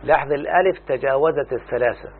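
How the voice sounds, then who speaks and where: A man with an Egyptian Arabic accent teaching a grammar lesson, speaking slowly and deliberately and quizzing his student as he goes. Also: medium pitch, creaky. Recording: tinny phone-like, faint hum.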